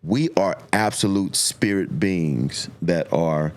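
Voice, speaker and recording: Deep-voiced, unhurried middle-aged man giving advice. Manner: deliberate, emphatic, repeats phrases. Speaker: talk show speaker giving relationship advice. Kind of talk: reflective conversational advice talk.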